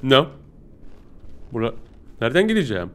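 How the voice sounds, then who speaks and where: A man's voice: mid-range voice, normal speed. A man giving casual let's-play commentary, chatting to viewers and yelping when startled. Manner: excitable, yelps and squeals when startled; chatty, keeps talking to viewers as "pisicik". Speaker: gaming video host.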